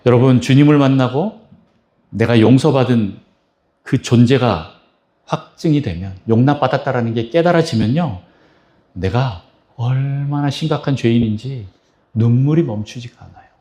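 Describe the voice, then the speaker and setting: A man's voice: medium pitch, moderate pace, dark tone. A middle-aged male pastor preaching a revival sermon in a church, asking the congregation rhetorical questions and acting out quotes. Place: church sanctuary.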